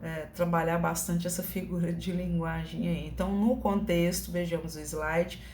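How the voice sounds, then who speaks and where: A woman's voice: lowish voice, little pitch movement, moderate pace, a little mellow, a little hiss or hum. Brazilian woman teaching, roomy home echo. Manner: conversational, many tag questions. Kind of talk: online lecture. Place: room at home.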